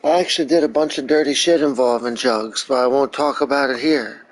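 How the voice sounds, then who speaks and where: Brisk and medium-pitched, this man swears freely as he chats casually over a video game, rambling through crude jokes as a reacting streamer. The recording is rough.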